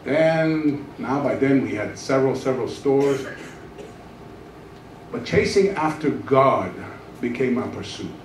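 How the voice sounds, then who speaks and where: This is a middle-aged guest pastor on a church stage, preaching a testimony sermon into a handheld mic and dramatizing the dialogue with lively storytelling. He speaks at a medium pitch, unhurried, in an echoey room recorded from afar against a noisy background.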